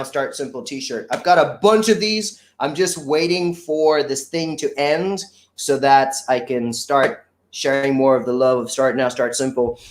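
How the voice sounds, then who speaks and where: An upbeat man hosting a casual live online show, with a voice pitched a little higher than most men's. He chats quickly and teases his guests playfully. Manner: upbeat, chatty, playful teasing. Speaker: show host.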